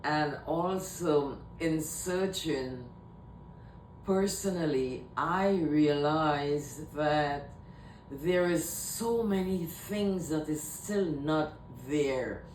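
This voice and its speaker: A Trinidadian woman from Trinidad and Tobago vlogs casually to camera, rambling and often repeating herself. Her voice is a little mellow and extremely slow. The room is echoey, with the mic at a distance and a faint rumble.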